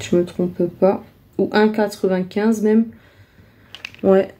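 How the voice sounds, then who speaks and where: Chatty French-speaking woman, mellow voice. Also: mid-range voice, little pitch movement, slow pace. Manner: chatty, hesitant, many fillers. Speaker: vlogger showing a shopping haul. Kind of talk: casual haul vlog chat.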